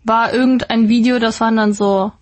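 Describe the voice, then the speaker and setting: A woman's voice: on the high side, fairly even intonation, fairly quick. A woman in her twenties from Germany, chatting casually as an interview guest with lots of fillers. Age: 20s. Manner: chatty, many fillers, laughs easily. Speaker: guest, YouTuber and presenter.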